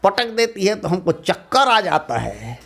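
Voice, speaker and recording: A man's voice: high-pitched, very animated, a little slow, a bit bright, exaggerated voice. A man voicing a timid, easily frightened little male leaf in a children's story, with a quavering, pleading way of talking. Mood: explaining.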